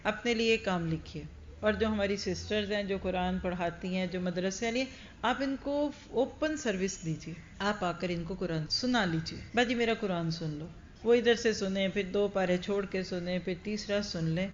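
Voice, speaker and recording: An earnest woman preaches to a crowded hall and keeps putting questions straight to her listeners. The recording sounds dull and lo-fi, with a faint hiss underneath. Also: mid-range voice. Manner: earnest, direct, addresses the audience with questions. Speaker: Quran teacher. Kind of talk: religious lecture to a live audience. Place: large gathering hall.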